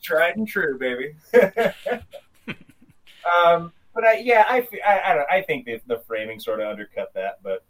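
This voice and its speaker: A man's voice: fairly high pitch, moderate pace, pauses often, a bit bright, distant mic, rough recording. A man casually giving his take on a film's framing story, rambling with many restarts and laughter. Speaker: podcast co-host. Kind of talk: casual film discussion.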